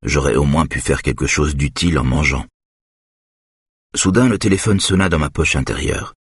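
Man narrating an audiobook, extremely low, husky voice, steady and measured. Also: no echo, clean studio sound. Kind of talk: first-person audiobook narration.

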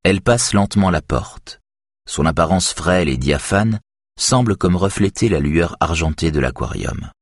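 A man reading an audiobook in scripted narration, even and measured. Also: sits low, dry recording, clean studio sound.

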